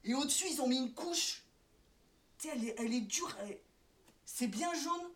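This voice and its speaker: High-pitched woman comic, rambling stop-start delivery, heard from a distance in a roomy space. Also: lively intonation, normal speed. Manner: rambling, stammering and restarting, breaking into laughs. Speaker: comic performer. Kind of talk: improvised comedy monologue and one-sided phone sketch. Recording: roomy and off-mic.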